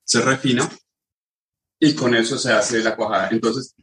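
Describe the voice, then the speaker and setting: A Colombian man in his thirties, chatting casually and explaining things at a measured pace with small restarts. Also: medium pitch, fairly even intonation, fairly bright tone. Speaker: guest. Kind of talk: casual chat.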